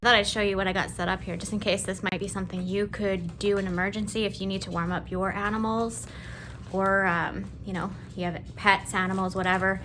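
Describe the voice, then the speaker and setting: A woman's voice: medium pitch, flat delivery, fairly quick, background noise. A woman homesteader talking casually to her camera while doing chores outdoors in the cold. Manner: chatty, talks while doing chores, laughs and sighs. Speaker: homesteader vlogger. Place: outdoors and in a chicken coop on a farm in extreme cold.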